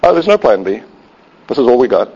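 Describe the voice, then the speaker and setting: A man playing a blunt, grim male prophet who answers in flat, matter-of-fact replies. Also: medium pitch, brisk, breathy edge. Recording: dull lo-fi sound.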